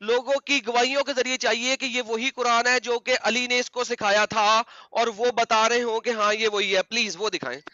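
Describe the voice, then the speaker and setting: Challenger, male, very high, sharp tone, dry lo-fi call audio, pushes his demand again and again. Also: fairly even intonation, moderate pace, hardly any pauses, no room sound. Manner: demanding, repeats challenges, mixes in English phrases. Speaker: debate challenger. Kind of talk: heated online debate.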